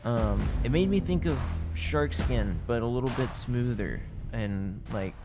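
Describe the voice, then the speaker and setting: A man's voice: medium pitch, unhurried, over loud music. Young man rambling through a story. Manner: rambling, many fillers and restarts. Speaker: guest telling a personal encounter. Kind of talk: casual spoken storytelling.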